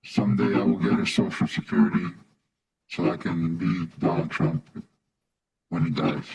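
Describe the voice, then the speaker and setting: Man, devil voice changer, very deep, rambling casual chat, muffled lo-fi line. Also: a little mellow. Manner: rambling, quick, loose filler words. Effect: deep demonic voice changer. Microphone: headset mic played through speakers. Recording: muffled lo-fi line with faint noise.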